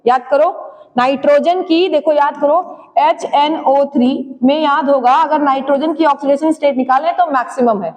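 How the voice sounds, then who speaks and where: A high-pitched woman with a darkish tone lectures a chemistry class, quizzing students, answering her own questions and dictating key points, with the highs cut off in the audio. She presses them to write quickly and spells key terms out slowly. The space adds a long hall reverb.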